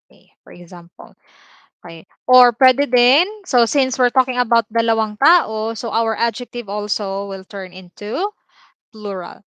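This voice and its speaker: Filipino woman teaching, smooth and dry. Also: a little high, a bit bright, no room sound, lo-fi sound. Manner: explains slowly, repeating examples, many "no" and "okay" tags. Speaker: Tagalog teacher. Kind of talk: livestream language lesson.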